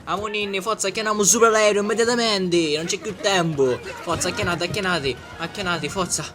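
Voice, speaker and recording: Guy doing a high pitched bossy adventurer, sicilian accent, frantic comedy dub w/ music behind. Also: fairly quick, natural voice. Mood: urgent. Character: frantic, bossy adventurer fleeing dinosaurs, crude and excitable. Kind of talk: comic amateur dialect film dub.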